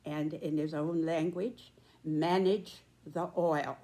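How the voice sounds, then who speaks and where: A woman in her nineties with a slightly low voice delivers spoken commentary very slowly. She is deliberate and emphatic, setting out her words in short, measured phrases. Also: fairly even intonation, mellow. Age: 90s. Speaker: political commentator.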